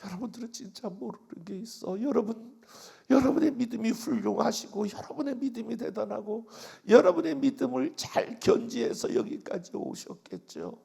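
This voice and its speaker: An older man preaching a revival sermon as pastor, telling stories and swinging from loud outbursts to hushed asides. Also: very high-pitched, lively intonation, normal speed, creaky, hardly any pauses, husky. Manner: storytelling, acts out quoted voices, swings from loud to hushed.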